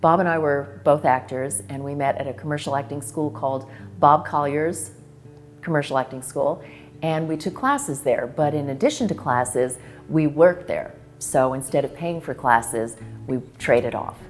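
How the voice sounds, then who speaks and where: Deep-voiced woman recounting matter-of-factly. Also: moderate pace, soft background music. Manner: matter-of-fact, conversational. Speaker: interviewee, business partner. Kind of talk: documentary interview storytelling.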